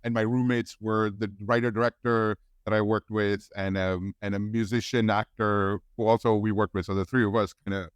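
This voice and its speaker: A man in his forties from India, a guest on a podcast, telling his story in a relaxed, rambling way with many restarts. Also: fairly low pitch, moderate pace, few pauses, smooth, no echo. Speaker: guest film editor. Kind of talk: casual podcast interview.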